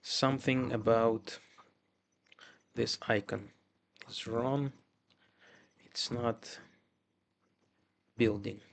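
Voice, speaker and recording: A man with a Russian accent talks through a live coding stream, half to his viewers and half to himself. His delivery is slow and halting, with a gravelly edge and frequent restarts. He sits mid-range in pitch. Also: fairly even intonation, a little hiss or hum.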